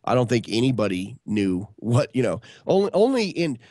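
Speaking at normal speed in a very animated, slightly mellow medium-pitched voice, this podcast guest is a man in his fifties from upstate New York. He tells casual stories over a video call, rambling with frequent fillers and restarts. The recording is dry and studio quality.

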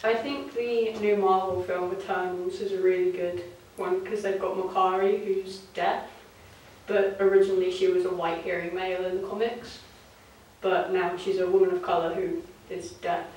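A woman's voice: on the low side, flat delivery, normal speed, darkish tone. A young woman answering vox pop questions in a chatty way, with fillers. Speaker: interviewee. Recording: echoey room, distant mic, faint noise.

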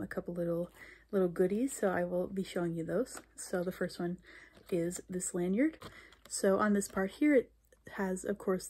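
A young woman in her twenties does a casual vlog recap in a small bedroom, holding her phone close. She chats with lots of fillers and restarts in a lowish, slightly mellow voice with a breathy edge.

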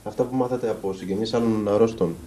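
A male reporter asking calm, formal, measured questions in a news interview. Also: on the low side.

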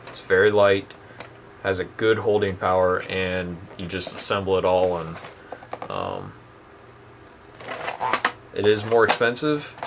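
Low-voiced young man demoing gear. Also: noisy background. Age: young adult. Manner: relaxed, plain-spoken, many ums. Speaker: channel host reviewing boat anchors. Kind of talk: casual product demo. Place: dim indoor room at home.

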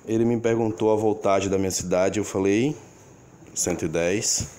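A man with a Brazilian accent narrates a casual unboxing at home, halting and repeating his words, recorded on a handheld phone. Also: fairly low pitch, fairly even intonation, warm tone. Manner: halting, pausing mid-phrase and repeating words. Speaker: giveaway winner unboxing a prize. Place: small furnished room at home, indoors. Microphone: handheld phone behind the camera. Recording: noisy handheld phone recording, handling clicks.

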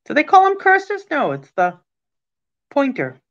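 A woman's voice: sits high, huge pitch swings, moderate pace, fairly bright tone. A woman in her sixties hosting a casual live-stream auction from home, chatting unhurriedly and thanking viewers by name over a webcam. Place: small room at home, indoors. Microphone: webcam on a computer, video call. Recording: dull lo-fi webcam audio.

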